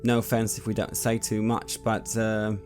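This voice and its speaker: A man's voice: fairly low pitch, monotone, moderate pace, darkish tone. A man playing his character in a tabletop game, earnest and hesitant with many fillers. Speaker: player. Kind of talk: in-character tabletop role-play. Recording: faint music behind.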